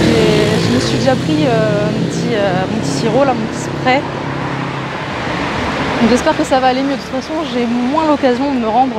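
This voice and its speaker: A woman's voice: on the high side, heavy background noise. A young woman travel vlogger chatting casually while walking through a guest house, talking into a handheld camera with many fillers and restarts. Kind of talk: casual vlog chat, walking tour.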